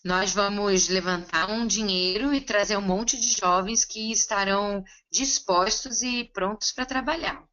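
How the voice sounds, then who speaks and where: A woman interpreting a seminar consecutively, relaying each line in a steady, conversational way. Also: medium pitch, measured pace, hardly any pauses, highs cut off.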